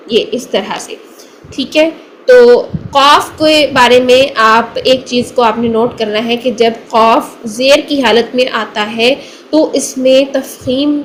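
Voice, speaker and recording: A woman's voice: a little high, a little hiss or hum, poor audio. A woman with a Pakistani Urdu accent teaching a recitation lesson, patiently repeating letter sounds one by one. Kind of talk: tajweed lesson.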